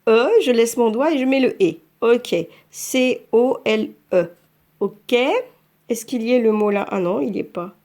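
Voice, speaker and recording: A woman's voice: a little high, dark tone. A woman teaching French learners, patiently talking through each step of using a phone app. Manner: slow, patient, narrates each tap aloud. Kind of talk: screen-by-screen app tutorial for learners.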